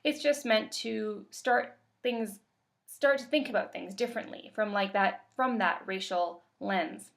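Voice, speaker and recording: Gravelly-voiced Canadian woman presenting. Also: medium pitch. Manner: calm, measured explanatory delivery with occasional fillers. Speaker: workshop facilitator. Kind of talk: webinar presentation.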